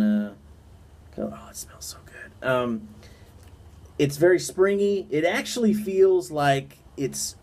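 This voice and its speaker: A man's voice: mid-range voice, a little mellow. A man giving a chatty, informal and emphatic product review as an enthusiastic hobbyist reviewer. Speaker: pipe tobacco reviewer. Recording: noticeable background noise.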